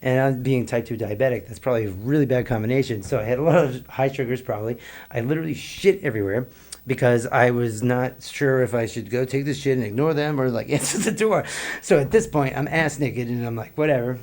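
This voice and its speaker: A man's voice: medium pitch, fairly quick, a little mellow. A middle-aged man, a guest on a podcast, telling a long story in a rambling, profane way and laughing between lines. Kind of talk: casual storytelling.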